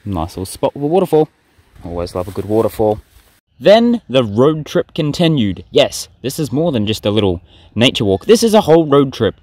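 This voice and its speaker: A man's voice: medium pitch, sing-song, a little fast, darkish tone, no room sound. A young man, chatting in an easygoing, rambling way as he narrates his vlog and comments on a bushwalk. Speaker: vlogger.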